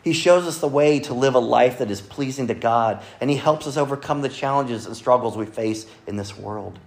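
A man preaching a Sunday sermon to a congregation, earnestly quoting scripture and often dropping to a soft, quiet delivery. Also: medium pitch, normal speed. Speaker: pastor. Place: church service with congregation.

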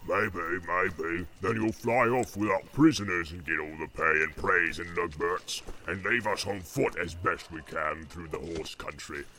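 A man voicing a deep-growling, pompous orc captain who speaks slowly and commandingly. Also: bright, forceful tone, a little hiss or hum, exaggerated voice.

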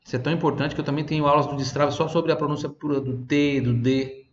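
A man teaching an online language lesson, patiently repeating words and phrases slowly for learners to copy. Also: fairly high pitch, steady tone. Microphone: desk microphone. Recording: roomy, slightly dull sound.

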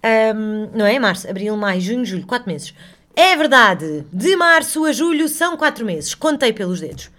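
A woman with a European Portuguese accent talks on her own in a loose podcast monologue. Her voice sits a little high, and she rambles, swears casually and laughs at her own habits. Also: sing-song, normal speed, a bit bright. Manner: rambling, chatty, swears freely, self-mocking. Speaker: podcast host.

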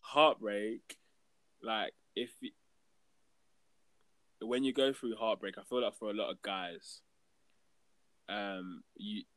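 A man's voice: lowish voice, fairly even intonation, slow, long pauses, a bit bright, no room sound. A young man with a London accent and slangy roadman way of talking, chatting casually on a podcast. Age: young adult. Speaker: podcast speaker.

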